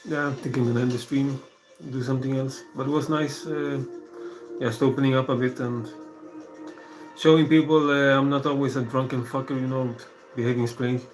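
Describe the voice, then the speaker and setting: Soft-spoken man rambling on a stream. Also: mid-range voice, fairly even intonation, faint music behind, rough recording. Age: 40s. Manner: rambling and soft-spoken, many pauses and fillers. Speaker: live streamer. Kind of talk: casual live-stream monologue.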